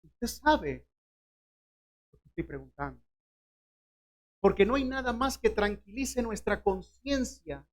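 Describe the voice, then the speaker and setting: A man's voice: sits high, animated, slow, pauses often. A man preaching a sermon, asking the listeners direct questions and now and then acting out short dialogues from scripture.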